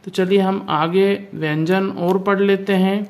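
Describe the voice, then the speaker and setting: A teacher giving a pronunciation lesson on the alphabet, stretching out each vowel and consonant deliberately. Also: mid-range voice, steady tone. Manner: slow, drawn-out enunciation of each sound.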